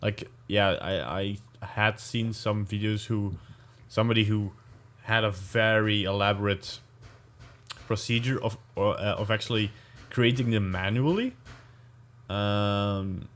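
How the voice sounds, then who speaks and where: Man from Belgium, lowish voice, casual podcast chat, relaxed, hesitant fillers. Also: unhurried. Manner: easygoing, laughs often, hesitant with fillers. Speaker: podcast co-host.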